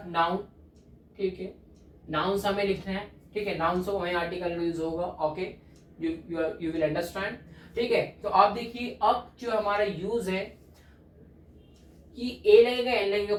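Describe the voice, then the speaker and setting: A male grammar teacher explains slowly and patiently while writing on a board, repeating his points and checking that the class follows. He is recorded from across an echoey room, so his voice sounds distant and roomy. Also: high-pitched, a little hiss or hum.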